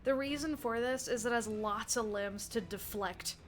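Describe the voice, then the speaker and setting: A woman's voice: on the high side, normal speed. A woman narrating as game master in a tabletop game, describing the action with lots of restarts and fillers.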